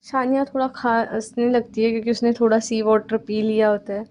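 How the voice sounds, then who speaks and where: A woman's voice: a little high, little pitch movement, a little mellow. A woman narrating a romance story in a chatty, unscripted way. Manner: chatty, unscripted, drawn-out phrasing.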